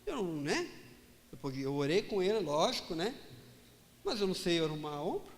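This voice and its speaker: A pastor telling a personal story in a sermon, animated and dramatic, acting out the dialogue. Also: male voice, fairly high pitch, fairly quick, in a large hall.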